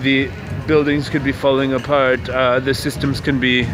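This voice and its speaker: Outdoors on city streets, a young man from Canada muses aloud for his casual walking vlog, full of fillers and restarts. He speaks at normal speed in a flat, mid-range voice, with outdoor street noise and loud music behind him.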